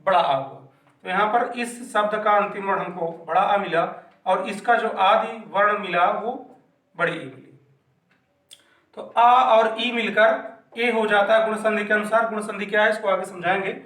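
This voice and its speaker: A man's voice: sits high, normal speed, a bit bright. A man teaching a grammar lesson patiently, asking questions and answering them himself. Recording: echoey room, mic at a distance.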